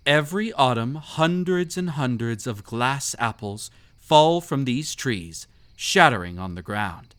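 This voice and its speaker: Speaking directly to the listener in immersive roleplay, a man voices the teasing, quietly sinister host of a haunted, glass-filled manor. His mid-pitched voice is highly expressive, and his long-winded storytelling, slowed by dramatic pauses, feels teasing and ominous.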